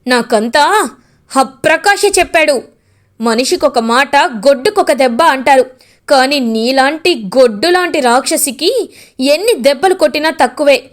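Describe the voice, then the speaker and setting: A woman voicing a fierce, stern middle-aged mother-in-law who shouts and threatens. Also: sits high, expressive, unhurried. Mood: furious.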